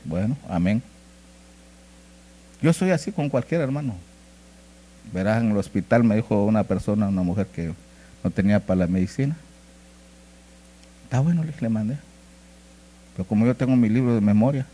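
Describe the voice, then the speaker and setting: A male pastor, preaching a sermon in a folksy, joking storytelling way, swinging between loud bursts and hushed asides. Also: fairly low pitch, fairly quick, long pauses.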